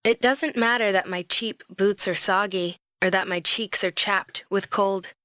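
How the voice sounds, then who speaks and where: A woman's voice: mid-range voice, steady tone, a little slow, sharp tone, no echo. Woman narrating a romance audiobook.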